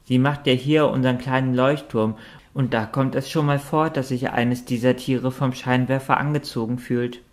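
A man reading aloud, voicing a kind, caring woman who speaks gently and encouragingly. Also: medium pitch, steady tone, moderate pace, natural voice. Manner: warm, encouraging.

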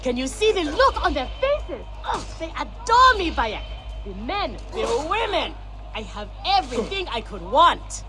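A woman's voice: sits high, sing-song, a little slow, loud music behind the voice. An actress playing a bold, boastful, fierce gladiator woman in a video game, swaggering and proud. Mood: exultant, boastful.

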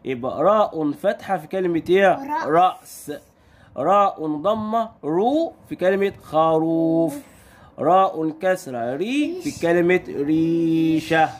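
A man with an Egyptian Arabic accent teaching young pupils their letters, stretching sounds out slowly and firing quick questions at the children. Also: high voice, very animated. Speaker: primary school Arabic teacher. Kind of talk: recorded lesson for young children.

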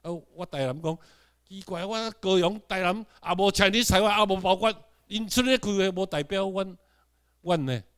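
A man from Taiwan, giving a classroom lecture. He asks the room rhetorical questions, has the class repeat words after him, and swings between loud emphatic bursts and quiet asides. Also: high-pitched, moderate pace, clean tone.

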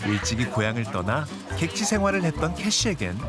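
A man's voice: a little high, very animated, fairly quick. A man reading scripted documentary narration in a storytelling manner. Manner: storytelling, rhetorical questions. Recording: loud music under the voice-over.

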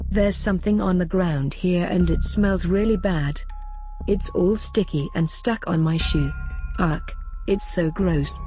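A woman's voice: fairly low pitch, unhurried, a little mellow, soft background music, close to an everyday voice. A woman voicing a young female test subject in her twenties who reports casually and hesitantly, with fillers. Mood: uneasy. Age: 20s.

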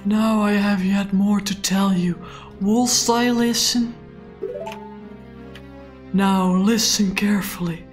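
A woman voicing an ancient, dying male tree spirit, reading game dialogue aloud in a slow, solemn, archaic way. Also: medium pitch, fairly even intonation, soft background music, close to an everyday voice.

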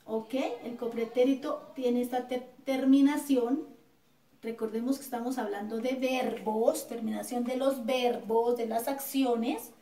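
A Colombian schoolteacher with a slightly high, warm voice and fairly even intonation gives an unhurried, patient grammar lesson in a classroom, repeating words and checking with her students. The recording is echoey, with her voice off-mic and distant.

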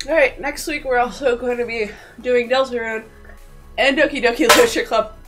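A fairly high-voiced woman co-hosts a casual update, giggly and quick to swear. Her voice comes through a phone or laptop mic with faint music behind. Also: fairly even intonation. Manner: giggly, swears, short replies. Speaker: channel co-host. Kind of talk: casual channel update chat.

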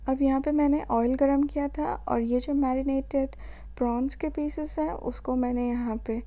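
A woman with an Indian accent, narrating a cooking tutorial as a voice-over and calmly explaining each step, with a few filler pauses. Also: high voice, dull audio. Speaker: cooking channel host.

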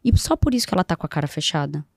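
A woman's voice: low-pitched, big pitch swings, gravelly, a little mellow, no room sound. Emphatic woman, dry close sound. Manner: emphatic, repeats key phrases, slows for recitation. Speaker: podcast guest, HR expert. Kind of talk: conversational interview talk. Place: podcast studio.

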